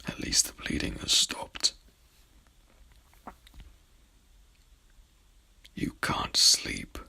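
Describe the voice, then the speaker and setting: In a whispered ASMR roleplay, a man plays a courtly, haughty headless horseman, speaking with pompous, archaic formality in a breathy, gravelly voice. His measured delivery has a bright, forceful tone, yet the mood is soothing and formal.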